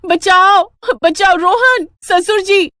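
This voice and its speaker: A woman's voice: sits high, lively intonation, a little fast, no echo, clean studio sound, pitched above the performer's own voice. A woman voicing a vain, touchy young daughter-in-law in a cartoon story, whiny and protesting. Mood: shrill, panicked.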